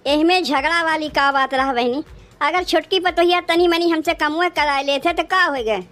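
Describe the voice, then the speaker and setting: A woman's voice: high-pitched, moderate pace, fairly bright tone, faint music behind. A woman voicing an old village mother-in-law with an Awadhi accent, plaintive and grumbling about her daughters-in-law. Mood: complaining. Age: older.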